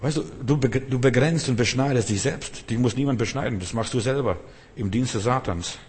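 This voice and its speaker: A man's voice: medium pitch, normal speed, a little mellow, husky. A male preacher delivering an earnest sermon, exhorting the listener and addressing them directly. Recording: long hall reverb.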